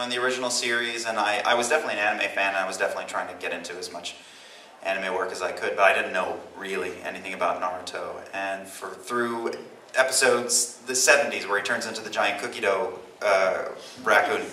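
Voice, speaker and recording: A man's voice: on the low side, bright, forceful tone. A man answering fan questions at a convention panel in a chatty, self-deprecating, rambling way. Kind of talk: casual panel Q&A. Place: large convention hall, live audience. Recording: echoey convention hall, distant mic, faint hiss.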